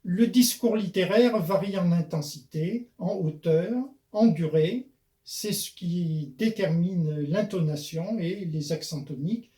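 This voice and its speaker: A man giving a measured spoken lesson on poetry, pausing often with hesitation fillers. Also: high voice, dark tone. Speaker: poetry lecturer and author-declaimer.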